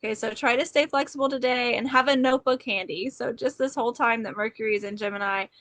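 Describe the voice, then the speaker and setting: With a steady tone and a quick pace, a woman whose voice runs high and a bit bright co-hosts an astrology podcast. It's casual and chatty, full of fillers like "like" and "okay," and recorded dry.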